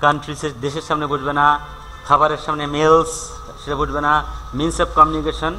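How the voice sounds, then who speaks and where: A man with a Bangladeshi accent teaching an English grammar lesson, reading each example slowly and then explaining it. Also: fairly high pitch, little pitch movement, bright, forceful tone, long reverb tail, a little hiss or hum, poor audio. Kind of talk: recorded classroom lesson.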